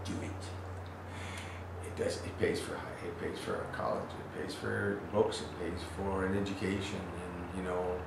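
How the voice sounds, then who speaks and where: A man in his forties, a guest in a casual interview, telling stories with lively acted-out quotes and frequent laughter. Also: sits low, a little slow, gravelly, distant mic. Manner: animated storyteller who acts out quotes loudly and laughs often. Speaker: interview guest, actor and father. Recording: echoey room, voice from off-mic, noisy background.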